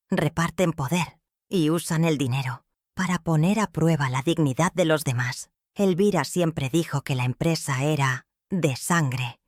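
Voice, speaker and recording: A woman narrating a scripted family drama in a measured, dramatic way. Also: deep voice, no room sound, clean studio sound.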